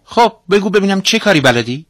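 A man's voice: sits high, very animated, a bit bright, dry recording, studio quality, faint music behind, pitched above the performer's own voice. A man voicing a scheming male spirit who lives in a spring and teaches magic tricks. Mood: commanding.

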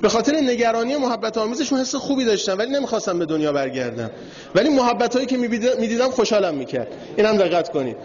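A man's voice: high-pitched, lively intonation, darkish tone. A man giving a religious lecture, telling a story and speaking directly to his audience. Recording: dull lo-fi recording in a reverberant hall.

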